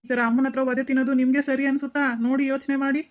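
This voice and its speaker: Brief: rapid, reasoning cartoon father voiced by a woman, fairly high. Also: little pitch movement, muffled recording, close to an everyday voice. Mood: lecturing. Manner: lecturing, reasoning. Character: calm scolding middle-aged father.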